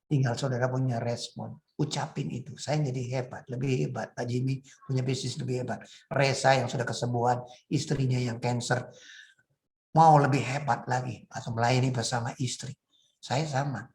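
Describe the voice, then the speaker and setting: A middle-aged man preaching a sermon, earnest and halting with many filler pauses, rising to emphatic high bursts. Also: flat delivery, gravelly, darkish tone.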